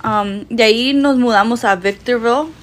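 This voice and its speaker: In a relaxed podcast chat, a Mexican co-host in her twenties mixes Spanish with English and laughs frequently. Her voice sits a little high, and she talks at a moderate pace.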